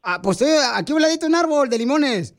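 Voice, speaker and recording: A radio host, a man with a very high voice, rattling through a prank call quickly. He stammers, teases and plays at being offended. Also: animated. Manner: stammering, teasing, mock-offended.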